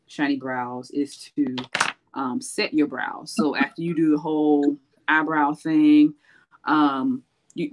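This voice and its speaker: A woman with a low voice, captured in a low-quality recording, co-hosts a live makeup show and has her own lash line. She chats casually through beauty tips in tutorial style, using plenty of fillers.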